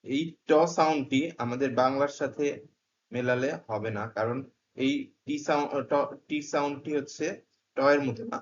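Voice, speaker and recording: A man gives a careful pronunciation lesson, pausing on each sound and example word. His pitch sits in a middle range. The recording is dull and slightly lo-fi. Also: steady tone. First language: Bengali. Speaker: English pronunciation teacher. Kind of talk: slow, deliberate pronunciation lesson.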